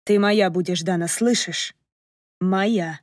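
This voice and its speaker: A woman reading an audiobook and voicing a remorseful young man in a low, hushed, hoarse tone, speaking slowly and softly. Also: no room sound, clean studio sound. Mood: tender. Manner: slow, soft, pleading. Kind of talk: audiobook narration.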